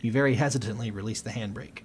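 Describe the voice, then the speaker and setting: A man hosting a let's play, reading game text aloud with a quick, lightly dramatic delivery. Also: medium pitch, darkish tone, slight background noise.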